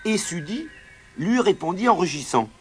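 A man narrating a children's tale in an expressive, animated storybook manner. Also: high voice. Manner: very lively, slow, animated reading. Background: soft music.

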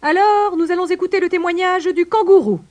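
A woman's voice: fairly high pitch, lively intonation, moderate pace, lightly acted. A woman voicing a fussy male pelican presiding over a trial, declaiming in a raised voice. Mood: pompous.

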